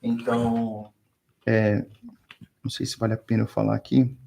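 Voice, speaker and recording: A man's voice: fairly low pitch, little pitch movement, moderate pace, creaky, dark tone. A man from Brazil, a guest explaining religion in a casual, teaching way, who acts out the dialogue he quotes. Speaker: guest speaker on theology. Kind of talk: conversational teaching.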